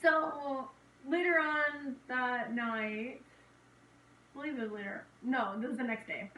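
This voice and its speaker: Co-host woman in her 20s, slangy storyteller, bright sharp tone, a bit distant in a roomy echo. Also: high-pitched, slow. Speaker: co-host, movie reviewer. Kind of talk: casual chat, retelling a film.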